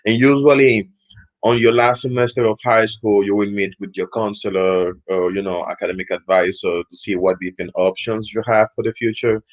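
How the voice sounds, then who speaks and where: A young adult man from Equatorial Guinea, a student guest, answers interview questions casually. His low, relaxed voice moves fairly quickly, and he rambles with plenty of fillers.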